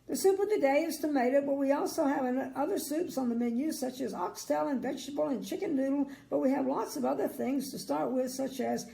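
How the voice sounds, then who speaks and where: A woman's voice: fairly high pitch, moderate pace, vocal fry, darkish tone, poor audio. A woman voicing a chirpy, gushing little storybook woman who chatters on and on in a breathless run. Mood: chirpy, chattering.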